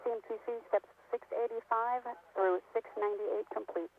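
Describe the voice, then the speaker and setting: Female launch controller, procedural radio announcements, flat delivery with creaky edge, phone-like narrow band. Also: mid-range voice, normal speed, slight background noise.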